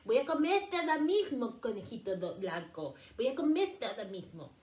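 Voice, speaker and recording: A woman voicing a huge, wicked, hungry wolf in a children's storybook reading, making loud, slow threats. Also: a little high, big pitch swings, reverberant, distant mic. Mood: menacing.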